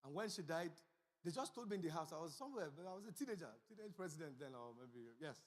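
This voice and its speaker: A middle-aged man preaching a sermon as pastor, telling stories and swinging from low asides to loud emphasis. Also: animated, fast. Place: church sanctuary. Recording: church hall reverb.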